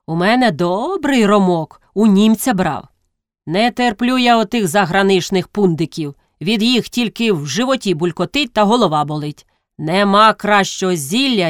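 A woman voicing a loud, hard-drinking male deacon who blusters and boasts about his liquor. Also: mid-range voice, no room sound, studio quality, natural voice. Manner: blustering, boastful, slow bellowing.

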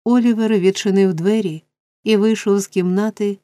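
A woman narrating a classic novel in measured, expressive storytelling. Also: mid-range voice, no room sound. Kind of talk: scripted audiobook narration.

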